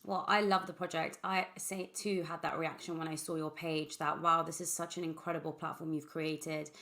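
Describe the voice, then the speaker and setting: Young woman host, low gravelly voice, upbeat and eager. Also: level tone, moderate pace. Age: young adult. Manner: enthusiastic, warm welcoming. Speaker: podcast host. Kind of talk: casual interview conversation.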